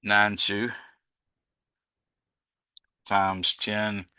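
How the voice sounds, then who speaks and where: A male physics tutor with a bright, forward voice that sits a little low, recorded close and dry with no room sound. He talks through calculations slowly and methodically, reading out every number and unit and fixing his own slips along the way. He sounds tired, with the occasional yawn. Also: completely flat delivery, clean tone, dry recording. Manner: slow, methodical, reads out numbers step by step, self-correcting. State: tired, yawning. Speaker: physics teacher. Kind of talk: working through problems aloud.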